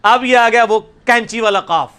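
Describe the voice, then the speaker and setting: A man's voice: very high voice, clean tone. A man teaching Quranic pronunciation, drilling letters aloud in a live class. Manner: drills letters by repeating them loudly, mixing Punjabi into Urdu. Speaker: religious teacher.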